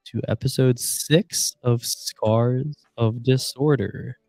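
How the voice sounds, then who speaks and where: A man's voice: medium pitch, fairly even intonation, takes it slowly, vocal fry, a little mellow, dry recording, studio quality, soft background music. Rambling man hosting a tabletop show. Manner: rambling, many fillers and restarts. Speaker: host. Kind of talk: casual chat opening a tabletop game show.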